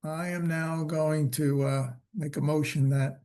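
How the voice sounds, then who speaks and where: A man chairs a public commission meeting over a video call, his voice mellow and low in brightness but pitched a little high. He talks in a halting way, stopping on fillers, and his voice is going. He runs motions and roll calls in a plain, procedural way. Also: fairly even intonation. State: losing his voice.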